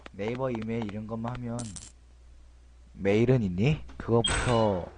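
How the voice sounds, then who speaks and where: A man streaming a horror game with comic commentary, grumbling and shouting at the game and chatting with viewers, over loud game music. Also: lowish voice, noisy background. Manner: excitable, yells and grumbles at the game, chats with viewers.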